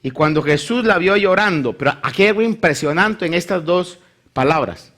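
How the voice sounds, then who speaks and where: He's a pastor giving a sermon in a high-sitting voice at normal speed. Animated throughout, he reads the scripture and acts out the voices of the people in the Bible account.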